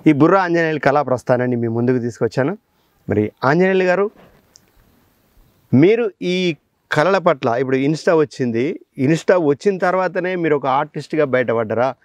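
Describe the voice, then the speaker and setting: A man with a Telangana Telugu accent hosting a talent show and interviewing a guest, energetic and promotional. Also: fairly high pitch, moderate pace, dry recording. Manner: energetic, promotional, frequent mm-hm backchannels. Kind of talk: casual interview.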